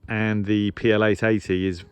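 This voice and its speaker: Speaking at a normal pace in a lowish, level voice with a clean tone, this shortwave radio hobbyist presents an off-the-cuff equipment review, pausing to think out loud. The recording is dry.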